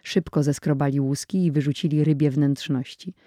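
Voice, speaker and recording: A narrator reading an adventure story aloud in a measured, even audiobook style. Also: medium pitch, no echo, clean studio sound.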